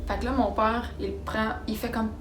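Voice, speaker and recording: A young woman with a Québécois accent telling a story in a casual, animated, dramatic way. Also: a little high, normal speed. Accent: Québécois French. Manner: animated, dramatic, acts out sounds and quotes. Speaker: vlogger. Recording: roomy echo with background music.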